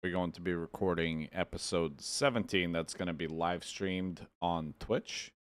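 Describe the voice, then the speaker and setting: A man's voice: deep voice, fairly even intonation, measured pace, smooth. A man hosting a livestream, chatting laid-back with viewers while he edits podcast clips. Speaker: streamer and podcast host. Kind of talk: casual livestream chat.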